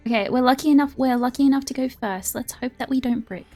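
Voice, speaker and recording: A young woman streaming a card game, chatting casually and excitably, swearing freely and sliding into a valley girl voice. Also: high voice, quick pace. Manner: excitable and profane, drifts into a put-on valley girl voice. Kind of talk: casual live-stream gaming chat. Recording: faint music behind.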